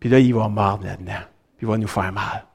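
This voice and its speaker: A middle-aged pastor with a Québécois French accent giving a sermon, swinging between high, excited stretches and low, quiet ones, with many "là" fillers. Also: male voice, fairly quick, creaky, slightly rough. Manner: fills with "là", talks directly to the congregation.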